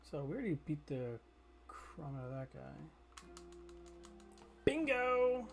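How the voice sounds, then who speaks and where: A man's voice: mid-range voice, a little slow, vocal fry, dark tone, faint music behind. A man chatting casually with his chat while streaming a game, joking and swearing freely. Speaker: gaming streamer. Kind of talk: casual live gameplay chatter.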